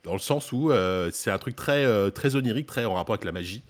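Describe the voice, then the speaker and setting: Brief: man, podcast co-host, rapid casual chat, lower voice, stumbles and repeats himself. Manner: rambling, repeats words, animated storytelling.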